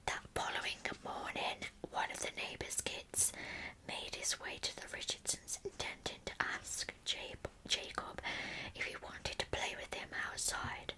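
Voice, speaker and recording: In an ASMR true crime narration, a woman tells the story slowly and deliberately in a breathy, unvoiced whisper near the mic. The audio quality is poor.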